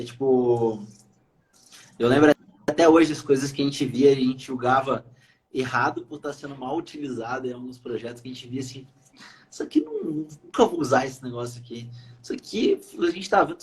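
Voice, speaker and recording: On a low-quality recording, a young iOS developer from Brazil speaks in a mid-range voice as a podcast guest. His casual interview talk is full of fillers and hesitant pauses.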